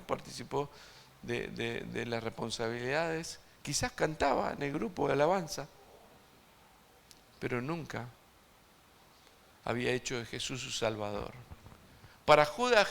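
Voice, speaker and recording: A man preaching an evangelistic sermon to a congregation, emphatic and swinging between loud and hushed, asking his listeners direct questions. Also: mid-range voice, moderate pace, vocal fry. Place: church service before a congregation.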